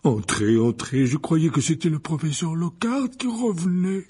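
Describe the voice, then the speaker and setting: Hagrid, a man doing a gruff big gamekeeper. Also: on the high side, sing-song, warm tone, pitched above the performer's own voice. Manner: slow, blunt and plain-spoken.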